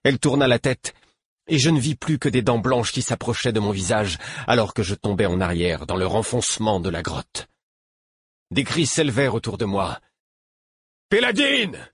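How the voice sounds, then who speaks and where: Reading a first-person adventure audiobook, a male narrator uses a low, husky voice with measured, grave intensity. The recording is close and fully dry, like a small booth, with no echo at all. Every sentence carries a steady storyteller's pull in this dramatic reading.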